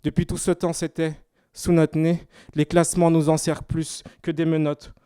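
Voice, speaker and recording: A man's voice: fairly high pitch, little pitch movement, moderate pace, mellow, smooth, dry recording, clean studio sound. A man from Paris with a Parisian French accent, performing rhymed slam poetry at a live exhibition opening. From France, Paris. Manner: rhythmic rhymed spoken-word delivery. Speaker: slam poet.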